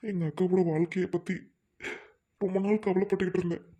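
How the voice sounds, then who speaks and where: A woman's voice: on the low side, level tone, fast talker, warm tone, natural voice. A woman playing a polite, worried younger brother who speaks respectfully and hopefully, in amateur drama acting.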